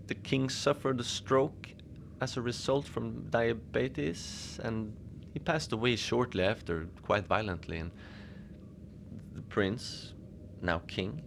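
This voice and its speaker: A man narrates a fiction podcast as a lone facility manager at a polar station, easygoing and whimsical. His rambling radio log is a first-person monologue told as musing storytelling, conversational and deadpan about absurd things. He has a mid-range voice with vocal fry, and there's a little hiss or hum.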